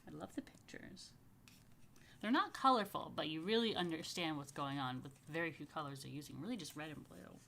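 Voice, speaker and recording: A woman serving as a rabbi reads a picture book aloud to young families in a low, gravelly voice, with background noise audible. She tells the story slowly and expressively, stretching key phrases for emphasis and slipping into chatty, murmured asides.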